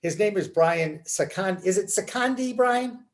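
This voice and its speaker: Chatty host on a video call. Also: male voice, sits high, animated, a little slow. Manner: chatty, enthusiastic. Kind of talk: casual interview chat. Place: home room, video call. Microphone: video call webcam.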